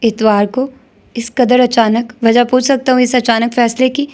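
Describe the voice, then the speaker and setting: Stern young policeman, read by a woman, hot-tempered, grave, fairly high, flat. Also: natural voice. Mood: serious.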